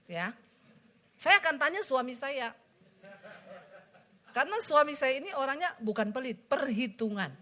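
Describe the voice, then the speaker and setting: A woman, giving a lively sermon testimony to a congregation and acting out dialogue as she tells it. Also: sits high, measured pace, long pauses. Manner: animated storytelling, acting out dialogue with laughs.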